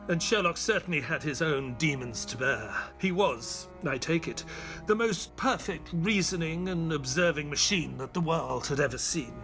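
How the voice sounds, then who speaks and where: In a detective audio drama, an actor plays a devoted gentleman in grief, narrating in a reflective, measured way. The voice is fairly high-pitched, and the mood is mournful.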